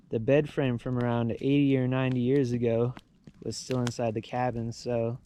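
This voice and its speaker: A man's voice: mid-range voice, mellow, slight background noise. A young man talking casually to camera as he hikes outdoors on a mountain slope, explaining what he finds as he goes. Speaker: outdoor explorer and vlogger. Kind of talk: casual narration to camera while hiking.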